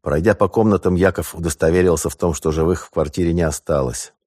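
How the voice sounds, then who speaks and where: A man narrating an audiobook in a steady, measured way. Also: deep voice, no room sound, clean studio sound. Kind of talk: scripted narration.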